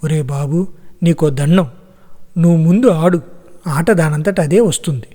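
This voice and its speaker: A man voicing a brisk, teasing old grandmother who scolds fondly, in an audiobook story. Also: fairly high pitch, dark tone. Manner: scolding yet affectionate. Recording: long reverb.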